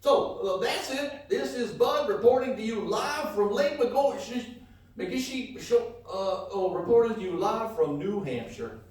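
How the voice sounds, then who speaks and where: In a live comedy radio play recorded in an echoey hall with a distant mic, a man plays a folksy country travel reporter. His voice is high-pitched, expressive, unhurried and a little mellow, rambling with a hesitant drawl and folksy enthusiasm.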